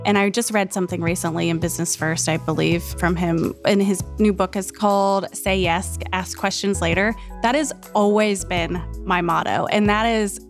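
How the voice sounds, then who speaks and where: A woman's voice: lowish voice, steady tone, normal speed, few pauses, faint music behind. A woman in her thirties from Ohio, a company president, answering interview questions earnestly and conversationally. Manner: earnest, conversational, with "you know" fillers. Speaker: company president, podcast guest.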